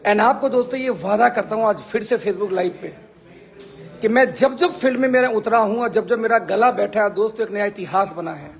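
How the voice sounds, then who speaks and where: Speaking at a normal pace, this sales team leader in network marketing has a gravelly, hoarse voice pitched high for a man. His Facebook live stream is an emphatic motivational pep talk, full of phrases repeated for effect.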